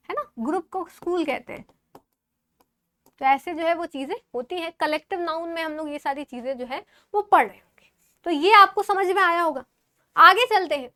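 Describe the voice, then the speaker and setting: A woman teaches an exam-prep lesson in a very high voice. She poses questions and answers them herself, fondly calling her students babu. She mixes English words into her explanations. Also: fairly bright tone. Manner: affectionately calls students babu.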